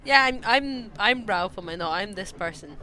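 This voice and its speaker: A streamer in a live broadcast, alternating between reading a story game's narration aloud and asking viewers which choice to make. The voice sits in a middle range, relaxed and conversational, with steady background noise under it. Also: mid-range voice, normal speed, rough recording. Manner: reads game text aloud and chats with viewers.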